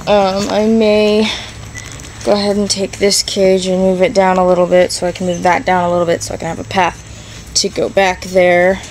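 Filming on a handheld phone, a young rabbit keeper walks in and out of her straw-filled barn and yard, chatting casually and thinking aloud with plenty of ums. Her voice is mid-range, level and somewhat dark, at a moderate pace. The recording is low quality, with a little hiss or hum.

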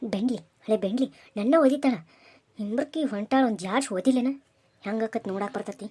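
A woman's voice: a little high, fairly quick, dark tone, husky. A woman voicing a greedy, scheming middle-aged village mother, with a North Karnataka Kannada accent and a grumbling manner.

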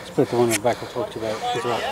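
A male team doctor with a medium-pitched voice gives short, practical instructions. The outdoor recording carries loud crowd noise. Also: little pitch movement, racing. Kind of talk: hands-on examination talk, short instructions. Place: outdoor rugby ground.

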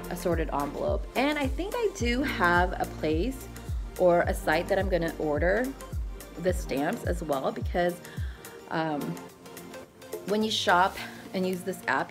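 A woman vlogger in casual chat, talking in a chatty, rambling way with many fillers. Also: on the low side. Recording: background music clearly heard.

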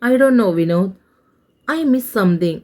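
A woman's voice: medium pitch, animated, drawn-out words, mellow. A woman voicing a touchy, irritable young male doctor in a romance audio story. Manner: curt, irritable.

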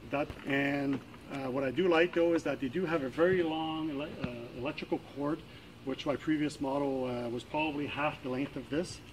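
A man's voice: mid-range voice, fairly even intonation, normal speed, a little hiss or hum. A middle-aged man casually demonstrating a product outdoors in a driveway, talking plainly with many fillers and restarts, picked up by a camera mic at a distance. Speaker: product reviewer.

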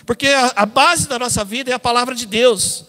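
High-voiced Brazilian preacher in a reverberant hall. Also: male voice, brisk, bright, forceful tone. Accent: Brazilian Portuguese. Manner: storytelling, addresses listeners as brothers. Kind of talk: sermon. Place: church hall.

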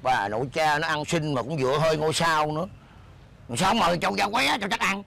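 An actor playing a scheming, bossy beggar husband in a comedy sketch, scolding in loud banter. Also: male voice, fairly high pitch, brisk, gravelly. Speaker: comic actor.

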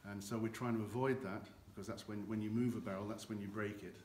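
This older man has a voice on the low side and a steady tone, and he talks at a quick pace. As a guide in a large, dim barrel warehouse with an earthen floor, he explains how cognac ages, gesturing with both hands. A camera a few meters away captures it, and the sound is echoey with faint noise.

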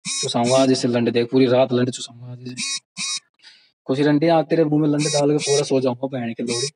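A man's voice: medium pitch, steady tone, fairly quick, darkish tone, slight background noise, poor audio. A man on a voice call, delivering a heated, aggressive rant full of taunts and insults. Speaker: caller in a group voice call. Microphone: phone on a voice call, screen-recorded.

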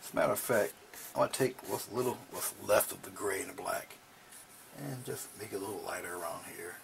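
A middle-aged man teaches painting in his small home studio, chatting casually as he works and often sinking into a murmur over the brushwork. His relaxed voice is creaky and a little fast, with background noise behind it.

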